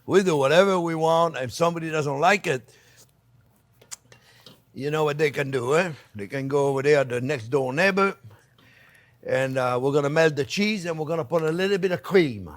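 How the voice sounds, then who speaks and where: A man with a slightly high voice presents a casual cooking demonstration. He is exuberant and playful, chatting straight to his viewers and coming back to favourite catchphrases. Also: normal speed. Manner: exuberant, playful, repeats catchphrases, addresses audience as friends. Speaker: chef hosting a cooking channel.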